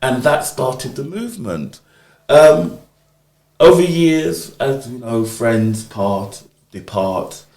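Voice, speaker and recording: Animated storytelling man in an echoey room. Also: medium pitch, slow. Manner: animated, acts out quoted speech. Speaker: interviewee, community organiser. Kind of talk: conversational storytelling.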